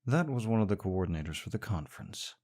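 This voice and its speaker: A young voice actor performs a scripted audio roleplay, playing a smug, sarcastic rival co-worker who teases. His voice is on the low side and darkish, with a sing-song lilt, and he talks fast.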